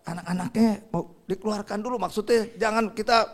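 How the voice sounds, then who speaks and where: An older man preaching a sermon, animated, swinging between loud stresses and quiet asides. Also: high-pitched, fairly quick, creaky. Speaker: Sunday school preacher.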